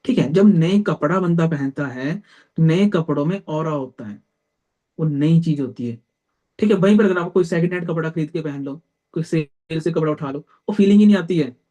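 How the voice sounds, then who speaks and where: Young guy running a team meeting, bit high voice but mellow, blunt and direct, keeps saying ok ok. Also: moderate pace. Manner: direct and blunt, peppers talk with "theek hai"; addresses listeners as brother. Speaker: team leader. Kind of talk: motivational team meeting talk.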